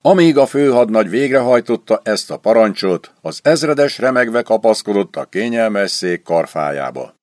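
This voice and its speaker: A man narrating a historical adventure novel in an expressive storytelling reading. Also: on the low side, few pauses, dry recording, studio quality. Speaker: audiobook narrator. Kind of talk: scripted literary narration.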